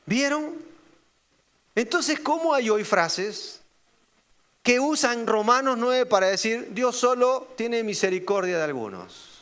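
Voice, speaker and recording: A man preaches a sermon as a pastor, slowly and with lively intonation. He puts rhetorical questions to the congregation and acts out the voices he quotes with sharp jumps in pitch.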